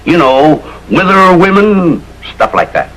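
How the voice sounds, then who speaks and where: Bright, blustering 50s sitcom neighbor, high and lively, old TV hiss. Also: male voice, measured pace, low-quality recording. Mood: grumbling. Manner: blustering, shouting in alarm. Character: excitable neighbor husband, middle-aged, loud and blustering. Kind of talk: 1950s sitcom acting. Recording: old TV soundtrack with faint hiss.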